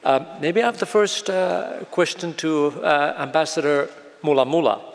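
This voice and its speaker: A man moderating a panel on stage, hesitant and filling pauses with "uh". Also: on the high side. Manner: hesitant, many fillers. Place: large concert hall stage, live event. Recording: long reverb of a large hall.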